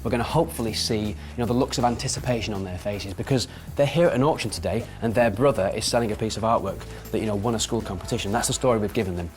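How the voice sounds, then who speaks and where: A man's voice: fairly low pitch, racing, few pauses, a little mellow, in a large hall, slight background noise. A man hosting a TV prank show, chatty and jokey as he presents to camera.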